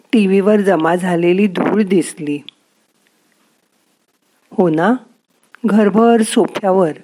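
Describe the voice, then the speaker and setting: A woman's voice: fairly low pitch, mellow. A woman narrating a guided meditation in a soothing, questioning way.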